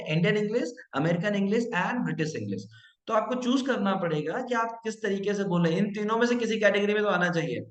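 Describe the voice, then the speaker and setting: A man's voice: high voice, a bit bright, reverberant, poor audio. A middle-aged man giving a training lesson, explaining and demonstrating word pronunciations, mixing English phrases into his talk. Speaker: trainer and consultant.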